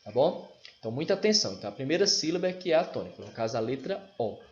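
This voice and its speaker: Patient teacher spelling out letters. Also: male voice, medium pitch, big pitch swings, very fast, a little mellow. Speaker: English teacher. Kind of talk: grammar lesson. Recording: roomy, dull lo-fi with faint noise.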